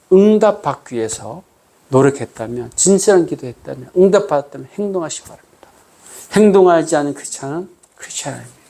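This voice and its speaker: Here a male preacher with a warm, medium-pitched voice speaks in a conversational style. He often asks his congregation questions for them to answer and changes his pace for emphasis.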